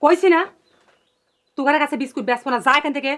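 An actress playing a sharp-tongued young village woman who runs a tea shop, scolding customers bluntly in rural dialect, in a TV drama. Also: sits high, fast talker. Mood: defiant. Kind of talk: TV drama acting.

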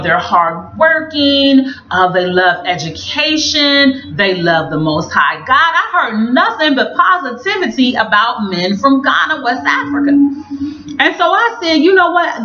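A woman tells a faith testimony straight to her viewers, acting out her own past lines with sudden jumps in pitch. Her voice sits a little high and carries a bright, forceful edge. The recording sounds roomy and a bit dull. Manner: faith-filled, addresses viewers directly. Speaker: video host sharing a personal story. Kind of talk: personal testimony storytelling.

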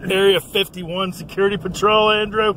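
A man's voice: high voice, level tone, normal speed. A man vlogging from a car on a road trip, joking and teasing with laughs between lines. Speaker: travel vlogger. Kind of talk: casual chat on a road trip. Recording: loud road noise.

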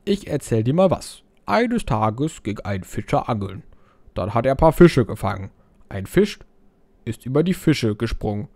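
A man's voice: medium pitch, big pitch swings, moderate pace, darkish tone, no echo. A young man doing casual game commentary, reading viewer messages aloud in silly voices and swearing while joking around. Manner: crude, joking, swears a lot. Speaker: let's player.

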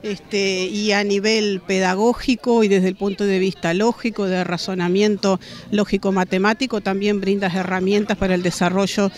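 A woman in her forties with a Uruguayan accent, a school principal answering a news interview outdoors, speaking in a measured way with many "este" fillers. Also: medium pitch, level tone. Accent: Uruguayan Spanish. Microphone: handheld reporter mics held to her face.

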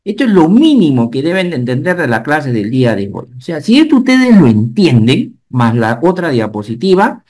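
A man, giving an animated online safety lecture and often checking whether the class follows. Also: a little high. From Peru. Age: 50s. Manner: animated teacher, asks the class checking questions. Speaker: occupational safety instructor.

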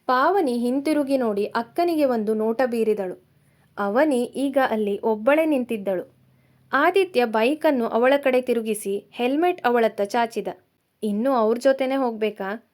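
A woman narrating a romance story in a calm, measured storytelling manner. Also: fairly high pitch.

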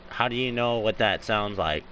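A man's voice: fairly low pitch, normal speed, bright, forceful tone, a little hiss or hum. A man hosting a casual gaming video, chatting in a goofy, joking, slangy way with a friend. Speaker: gaming channel host.

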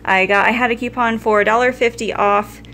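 A woman's voice: a little high, steady tone, a little fast, a bit bright. Chatty woman walking through a grocery haul. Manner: chatty, upbeat and item-by-item. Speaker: vlogger showing a grocery haul. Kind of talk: casual chat. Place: home kitchen, indoors.

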